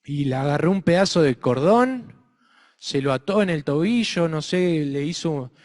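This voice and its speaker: An adult man with an Argentine accent narrates a story to children, expressive and stopping to ask his listeners questions. His voice sits a little high. The sound carries a long echo, as from a large hall. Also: normal speed. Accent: Argentine Spanish. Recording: reverberant hall.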